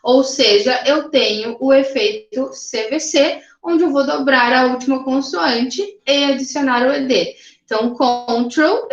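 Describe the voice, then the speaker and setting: A woman's voice: sits high, reverberant, muffled recording. A woman teaching an English grammar lesson to her class, explaining patiently step by step and checking in with the students often. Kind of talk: recorded remote grammar lesson.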